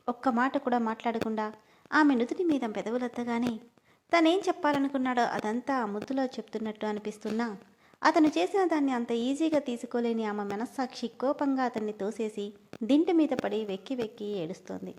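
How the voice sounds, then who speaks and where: A woman narrating a romance story in an even, measured reading. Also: fairly high pitch, slight background noise. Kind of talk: scripted narration.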